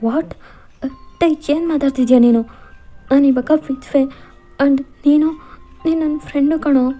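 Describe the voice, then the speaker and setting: Woman as a sad confused young widow, protesting, high mellow voice, faint music. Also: little pitch movement, moderate pace, close to an everyday voice. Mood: upset. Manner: distressed, protesting. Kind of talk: fan fiction voiceover.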